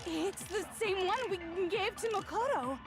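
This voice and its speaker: A woman's voice: very high-pitched, expressive, unhurried, heavily acted. A woman voicing a prim young girl student in an anime murder mystery video game. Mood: accusing, grave. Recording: loud game music behind voice.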